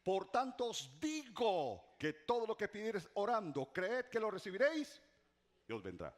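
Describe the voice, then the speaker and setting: Middle-aged male pastor, sermon delivery, lively intonation, dramatic repetition and hushed drops. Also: high voice, moderate pace. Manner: preaching with dramatic repetition and swings from loud to hushed; humorous asides to the congregation.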